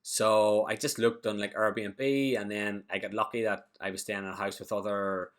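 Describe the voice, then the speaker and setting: A young Irish man chatting easily as a podcast guest, relaxed and quick to laugh. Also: on the low side. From Ireland. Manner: relaxed, easygoing, laughs often. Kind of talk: casual interview chat.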